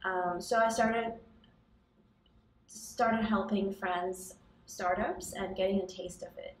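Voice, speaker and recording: Speaking slowly at a medium pitch with fairly even intonation, this young adult startup founder from Hong Kong fields interview questions in a relaxed, reflective way. She often says um, restarts her sentences, and laughs now and then. The setting is an office by a big window with towers outside, captured with a somewhat distant mic and noticeable room echo.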